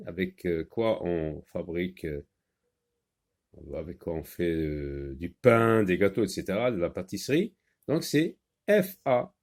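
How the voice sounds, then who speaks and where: A man with a voice on the low side teaches French reading to primary-school children, breaking words into syllables, repeating them, and filling pauses in his explanations with "euh".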